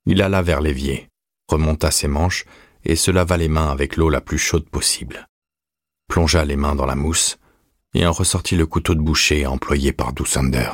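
A man reading an audiobook in measured, even scripted narration. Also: very deep voice, dry recording, studio quality.

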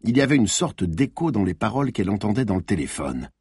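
A man narrating a thriller audiobook in an expressive, dramatic reading. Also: fairly low pitch, fast, breathy edge, no room sound, studio quality.

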